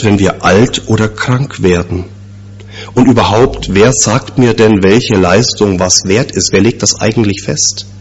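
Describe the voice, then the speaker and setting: Husky-voiced German man preaching. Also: lowish voice, lo-fi sound. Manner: storytelling, rhetorical questions, slow emphatic repetitions. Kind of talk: sermon.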